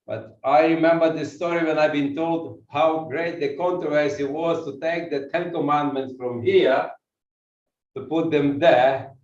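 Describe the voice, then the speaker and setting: Walking while he preaches, a Ukrainian guest pastor with a Ukrainian accent asks his congregation questions during a sermon in a church hall. His voice is slightly high and slightly mellow, captured distantly in a dull, echoey church recording.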